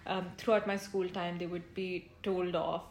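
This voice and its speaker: A woman's voice: fairly low pitch, flat delivery, normal speed. A young woman from Pakistan in her twenties, chatting casually as an interviewee, with lots of fillers and easy laughter. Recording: echoey room with faint ambient noise.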